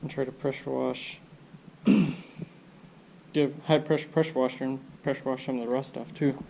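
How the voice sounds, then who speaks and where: A man's voice: mid-range voice, unhurried, creaky, slight background noise, rough recording. A man with a stuffed-up nose, talking casually and rambling through his work in a home garage workshop. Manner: relaxed, rambling, thinks aloud with fillers. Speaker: car restoration vlogger.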